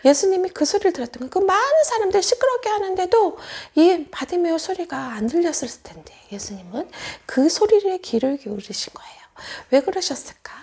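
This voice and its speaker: A woman children's pastor giving a Sunday school sermon, telling a story and asking the children questions, often dropping into hushed whispers. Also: very high-pitched, very animated, fairly quick, few pauses.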